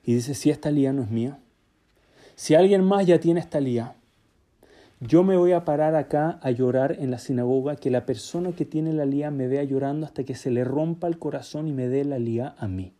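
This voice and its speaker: High-voiced man telling a religious story. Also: moderate pace. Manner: animated storyteller, acts out dialogue. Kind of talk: storytelling sermon.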